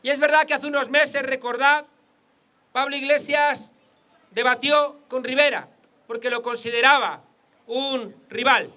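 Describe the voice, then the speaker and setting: A man's voice: very high-pitched, unhurried, pushed and bright. A man with a Spain Spanish accent giving a political rally speech outdoors, mixing jokes with rhetorical repetition. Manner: rhetorical, joke-telling, repeats for emphasis.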